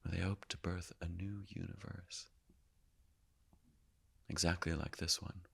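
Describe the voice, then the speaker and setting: A man playing a gravelly, deep-voiced particle narrator. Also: flat delivery, full character voice. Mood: hushed awe. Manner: measured storytelling that drops often into hushed whispers. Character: the Higgs boson, a calm all-knowing male narrator. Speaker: actor performing a stage monologue. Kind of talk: theatrical monologue.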